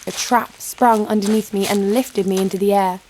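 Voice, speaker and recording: A woman with a mid-range, fairly evenly intoned voice speaks at normal speed, sounding close to everyday, against a noisy background with music. In a scripted audio drama she plays a tough, sardonic knife fighter narrating her own story in first person, dry and tense.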